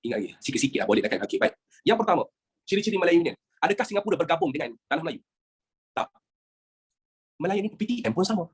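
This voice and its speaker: Malaysian history teacher, fast and husky, pitch all over the place, keeps quizzing the class. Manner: animated, asks students rhetorical questions; mixes in English phrases. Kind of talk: online history lesson.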